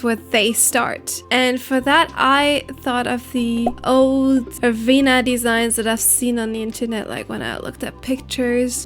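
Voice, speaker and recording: Young woman, German accent, fairly high voice, stuffy morning voice, chatty and giggly, soft music behind. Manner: chatty, giggly, thinking aloud. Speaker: Minecraft YouTuber. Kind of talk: casual gameplay narration.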